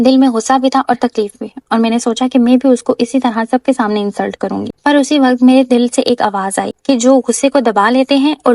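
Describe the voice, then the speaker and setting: A young woman narrating a first-person story in a soft, heartfelt voice-over. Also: a little high, dry recording.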